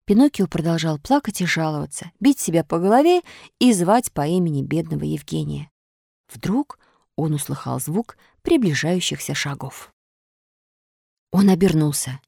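A woman narrating a children's storybook with animated, expressive delivery. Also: sits low, moderate pace, vocal fry, husky, no echo, studio quality.

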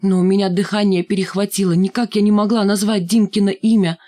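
A woman narrating a children's story in a first-person, measured, storytelling manner. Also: medium pitch, flat delivery, warm tone. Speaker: audiobook reader. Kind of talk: scripted narration.

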